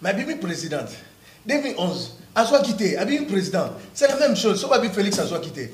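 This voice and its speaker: A man giving political opinions in an impassioned interview, repeating words for emphasis and bursting into shouts. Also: high voice, very animated, brisk, reverberant, a little hiss or hum.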